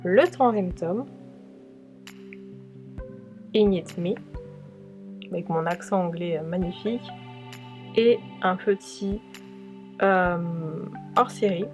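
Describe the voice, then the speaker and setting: A woman presenting her monthly book purchases to viewers in a casual, hesitant way, often pausing on filler sounds. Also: fairly low pitch, soft background music. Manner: hesitant, many filler pauses. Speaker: book vlogger.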